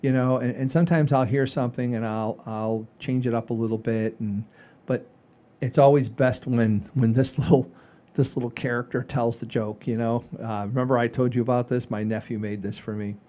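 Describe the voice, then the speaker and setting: A man hosts a comedy show in a casual, chatty way, halting often and repeating phrases for emphasis. His voice is mid-range, steady, and mellow.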